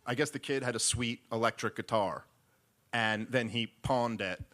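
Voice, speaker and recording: A man doing stand-up, telling a rambling story with animated, mock-exasperated delivery. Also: mid-range voice, normal speed. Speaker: comedian.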